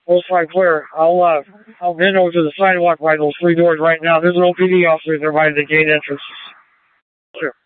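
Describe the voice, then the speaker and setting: A man with a fairly high, level voice speaks a little fast and without echo, delivering clipped, matter-of-fact reports as a security post officer. It comes through as radio dispatch traffic in a tinny, dry two-way radio transmission.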